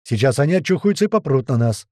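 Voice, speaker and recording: A rough, profane squad commander hollers crude orders, his voice pushed up high and loud, put on by a man narrating. The sound is warm and dry, close to the mic. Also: animated, fast, no echo, natural voice. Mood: yelling orders.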